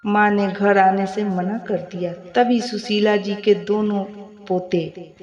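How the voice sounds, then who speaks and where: Slow, echoey woman storyteller. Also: medium pitch, fairly even intonation, a little mellow, faint music behind. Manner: plain, moralizing telling. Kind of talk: storybook narration. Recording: echoey, slightly muffled home recording.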